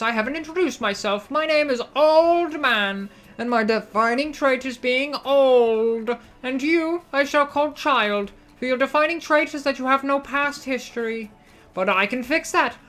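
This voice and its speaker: A woman voicing a greedy, condescending old male architect in a game, with a pompous, drawn-out manner. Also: high-pitched, fairly bright tone, voice pushed up.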